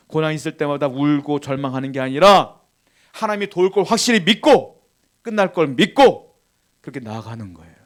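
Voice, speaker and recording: A male pastor preaching a sermon, questioning the congregation and swinging between forceful emphasis and quiet asides. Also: mid-range voice. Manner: emphatic preaching with rising and falling intensity, asks the congregation questions.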